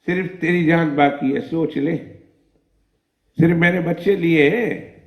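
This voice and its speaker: A man's voice: on the high side, fairly even intonation, creaky. A man voicing a cruel tyrant king who taunts and coaxes his captive, in an echoey mosque hall. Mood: taunting. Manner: coaxing, taunting questions.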